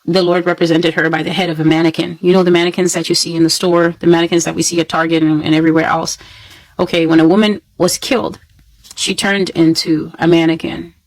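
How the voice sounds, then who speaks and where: A woman's voice: lowish voice, no echo, rough recording. A woman earnestly recounting a prophetic dream, telling it in a repetitive, storytelling way.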